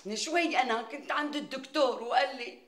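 A high-voiced, bright, wheedling neighbor woman with a Damascene Syrian accent. She wails, flatters and schemes in sitcom style. The sound is roomy, as on a TV studio set. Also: quick pace. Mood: wailing. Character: scheming melodramatic middle-aged neighbor woman. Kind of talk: TV sitcom acting.

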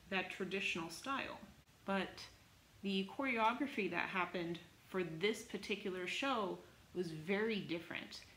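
Chatty woman teacher in an echoey room. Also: medium pitch. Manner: chatty, animated storytelling with lots of "like". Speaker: music teacher. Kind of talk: casual online music lesson. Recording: echoey room with faint background hiss.

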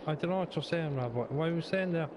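A man's voice: on the high side, fast, a little mellow. A man chatting casually in a colloquial, sweary way. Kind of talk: casual chat. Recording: noisy voice chat with engine sound.

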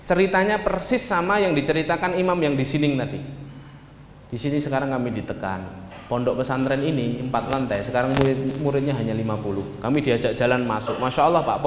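A man from Indonesia, telling a travel story to an audience in a lively way, often addressing listeners as "Pak" and acting out the dialogue. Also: medium pitch, slight background noise. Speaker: speaker recounting a journey. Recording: echoey hall with long reverb.

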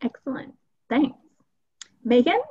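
A woman's voice: sits high, animated, takes it slowly, slightly rough, dry recording. Australian woman hosting a video call. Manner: friendly, frequent ums. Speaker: host, student recruitment manager. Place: small room indoors. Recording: slightly dull video-call audio.

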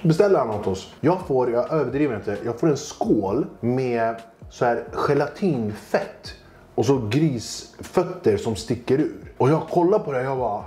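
Brief: male comic guest, medium pitch, animated anecdotes, roomy kitchen sound. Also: faint music behind. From Sweden, Kurdish family roots. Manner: tells anecdotes, acts out quoted voices, laughs often. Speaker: stand-up comedian guest. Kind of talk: casual chat, animated storytelling.

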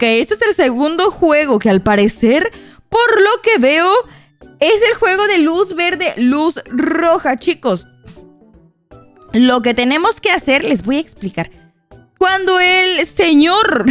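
A young woman giving excitable Roblox gameplay commentary, talking to her viewers and shrieking when startled. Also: sits high. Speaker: gaming YouTuber.

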